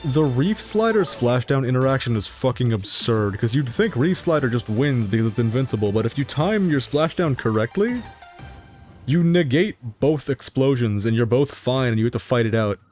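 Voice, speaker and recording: A man's voice: medium pitch, lively intonation, moderate pace, darkish tone, faint music behind. Chatty man streaming gameplay. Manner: rambling, chatty, swears casually, laughs often. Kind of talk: casual live-stream gameplay commentary.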